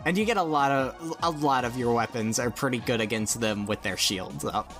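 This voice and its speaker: A man's voice: mid-range voice, moderate pace, a bit bright. A man giving casual, informal game commentary among friends, explaining things as he goes. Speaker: let's play co-host guiding the game. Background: video game music.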